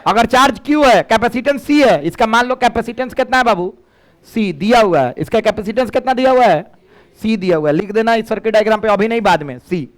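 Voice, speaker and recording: A male physics teacher, giving a lecture and coaxing students to call out answers. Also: high-pitched. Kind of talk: classroom lecture.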